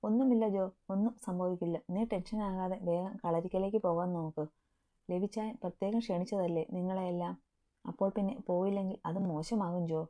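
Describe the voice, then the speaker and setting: A woman voicing a playful, caring young wife in a storybook reading, a little raised and louder, with a narrow phone-like sound. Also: lowish voice, fairly even intonation, brisk, natural voice. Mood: coaxing. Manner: playful, coaxing.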